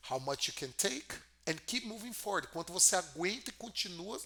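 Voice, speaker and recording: Bright-voiced male English teacher. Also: sits high, very animated, slightly rough. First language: Portuguese. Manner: repeats lines then explains slowly. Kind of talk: film-clip language lesson.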